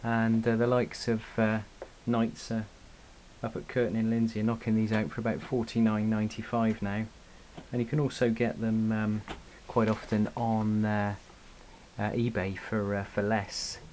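With a fairly low pitch, a level, darkish tone and normal speed, a man offers a hesitant, unscripted and informal hobbyist product review with a demonstration. He records indoors on a camera microphone. The amateur recording is hissy and noisy.

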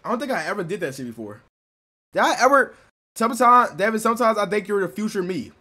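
A young man with a high, light voice, chatting loosely with his stream audience from a small bedroom. He reacts loud and joking, calling out to chat between laughs. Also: big pitch swings, quick pace. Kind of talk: casual live-stream commentary.

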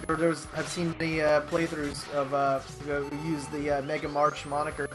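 A man's voice: on the high side, monotone, normal speed. Rambling man playing a game. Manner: rambling, reminiscing, curses at mistakes. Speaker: let's play co-host, player. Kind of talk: casual gaming commentary. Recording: music playing behind.

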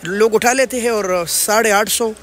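The host of market rate updates, a man in his thirties with a Pakistani accent, gives an informational report earnestly and with projection. His voice sits high and his pace is unhurried.

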